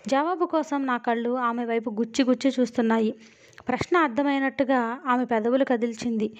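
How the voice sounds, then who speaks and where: A woman narrating a novel as an audiobook, with steady and expressive storytelling. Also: on the high side, brisk. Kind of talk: dramatic novel reading. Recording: dull lo-fi audio.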